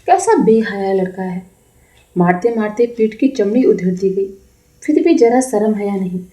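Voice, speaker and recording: A woman voicing a quarrelsome, spiteful old grandmother in a told story, with sharp scolding speech. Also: mid-range voice, expressive, measured pace, close to an everyday voice. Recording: roomy, dull lo-fi recording.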